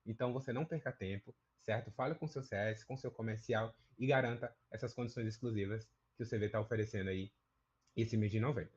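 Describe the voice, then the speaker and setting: A man's voice: on the low side, fast, dull audio. A man hosting a live webinar, talking in an upbeat, promotional way as he introduces guests. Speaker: webinar host.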